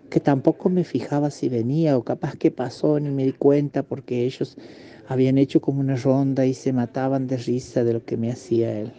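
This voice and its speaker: A man in his fifties with an Argentine accent, recounting a personal memory in halting testimony with pauses and restarts. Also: mid-range voice, mellow, lo-fi sound. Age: 50s. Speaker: interviewee giving testimony.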